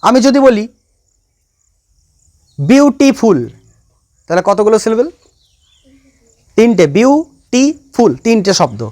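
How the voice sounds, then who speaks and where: A man's voice: sits high, big pitch swings, slow, long pauses, darkish tone. A man teaching a science class, repeating key points and quizzing his students. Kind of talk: classroom lecture.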